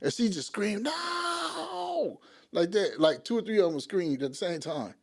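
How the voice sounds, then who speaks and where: A man's voice: a little high, brisk. A man telling stories in casual podcast chat, acting out the people he quotes. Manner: animated, acts out quoted people.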